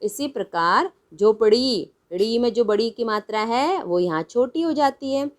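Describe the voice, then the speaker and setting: A woman's voice: fairly high pitch, animated, unhurried. A woman teaching a primary school language lesson, reading words one by one and repeating them patiently for children. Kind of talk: slow Hindi lesson for young children.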